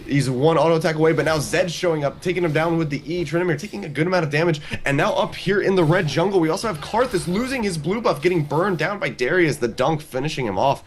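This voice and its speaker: A man calling a video game match as a play-by-play commentator, talking rapidly like an auctioneer. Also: fairly high pitch, animated, slight background noise. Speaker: esports commentator.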